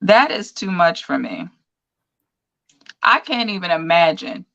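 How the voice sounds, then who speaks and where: A woman's voice: on the low side, measured pace, vocal fry, highs cut off. A woman co-hosting a podcast, chatting casually and telling stories with lots of fillers. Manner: animated storytelling with lots of fillers. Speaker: podcast co-host. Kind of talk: casual livestream chat.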